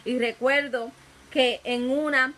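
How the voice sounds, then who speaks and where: A woman's voice: high-pitched, steady tone, takes it slowly, fairly bright tone, rough recording. A woman evangelist, preaching a fervent testimony sermon full of hallelujahs.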